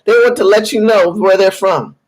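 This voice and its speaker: A woman's voice: mid-range voice, moderate pace, darkish tone, rough recording. An American woman giving impassioned commentary straight to her viewers, emphatic and repetitive, driving each point home as if lecturing. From United States. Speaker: political commentator vlogger. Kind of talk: impassioned direct-to-camera commentary.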